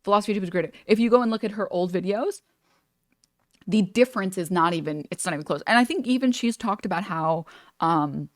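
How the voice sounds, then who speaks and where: A woman's voice: medium pitch, dry recording, clean studio sound. A woman streamer giving casual reaction commentary, chatty and full of fillers, swearing freely.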